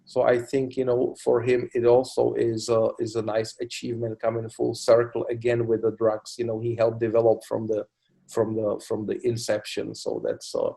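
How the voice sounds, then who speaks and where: A middle-aged man from the Republic, a cancer doctor answering interview questions in a halting way, full of "you know" fillers. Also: medium pitch, monotone, gravelly, dark tone. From Czech Republic. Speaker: oncologist guest. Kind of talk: expert interview.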